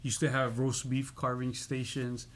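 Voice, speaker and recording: A man's voice: mid-range voice, unhurried, a little hiss or hum. Man telling stories with a laugh. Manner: laughing often, animated when acting out quotes. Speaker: musician guest. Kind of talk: casual storytelling chat.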